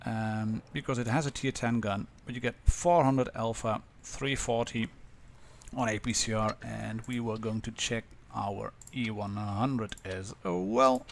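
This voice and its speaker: Gravelly Dutch-accented man streaming a game. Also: on the low side, steady tone, unhurried, a little hiss or hum. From Netherlands. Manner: casual and rambling, many ums and restarts. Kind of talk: live gameplay commentary.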